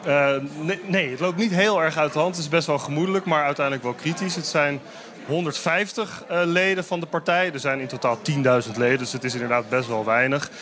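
A man reporting live to the studio, measured and steady, with frequent hesitation fillers. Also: on the high side, crowd noise. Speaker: field reporter.

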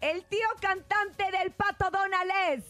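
A woman with a Mexican accent co-hosting a morning radio show, telling jokes in playful, animated banter. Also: extremely high pitch, a little slow, over music.

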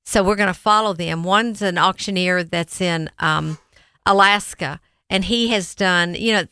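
Uma mulher com sotaque do sul dos Estados Unidos, leiloeira e coapresentadora, falando descontraída com muitos "um". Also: female voice, fairly low pitch, a little slow, clear, resonant tone, no echo. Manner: relaxed, with frequent ums. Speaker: auctioneer and co-host. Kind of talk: casual radio talk.

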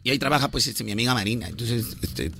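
A man's voice: mid-range voice, animated, fast, creaky. A man hosting a radio show, telling a jokey story in casual banter. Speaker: radio host. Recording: studio radio with loud music bed.

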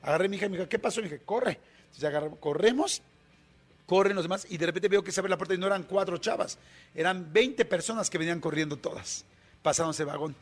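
A man's voice: high-pitched, quick pace. A man with a Mexican Spanish accent, hosting a radio show and telling a vivid anecdote in a chatty, casual way. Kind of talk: casual on-air storytelling.

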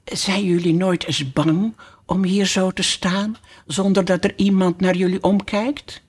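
A reader giving voice to a shy, curious young girl in a storybook, polite and a little hesitant as she asks her questions. She speaks slowly and gently. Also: mid-range voice, fairly even intonation, husky. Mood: timid.

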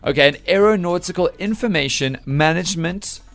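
A South African man hosts a radio breakfast show, interviewing someone in a chatty, relaxed and enthusiastic manner. His voice is high, quick, creaky and fairly bright, with faint music playing behind him.

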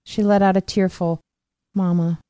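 A woman investigative reporter narrating a podcast in a measured, earnest scripted read. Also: on the low side, dark tone, no echo.

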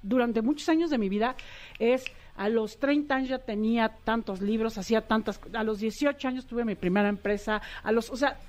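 Lady therapist on a podcast, warm and chatty, kinda high voice. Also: fairly quick. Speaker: psychotherapist guest. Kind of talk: casual interview chat.

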